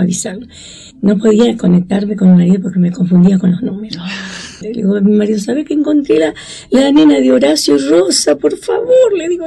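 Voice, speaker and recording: A woman's voice: creaky, husky. An older woman from Chaco with an Argentine accent, telling her story in an interview and acting out the voices she quotes. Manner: acts out quoted voices, rising high and excited. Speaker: interviewee, grandmother of a found granddaughter.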